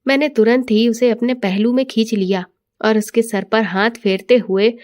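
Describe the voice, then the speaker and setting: A woman tells a first-person family story in a steady, expressive way. Her voice is a little higher than most. She keeps an even storytelling pace. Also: moderate pace. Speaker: narrator.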